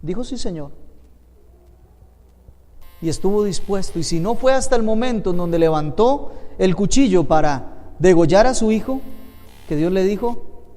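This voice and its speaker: In a large church hall, a Costa Rican pastor with a Costa Rican Spanish accent leads his congregation's Bible class, emphatic and full of questions for them. His high, mellow voice has lively intonation and moves at a normal speed.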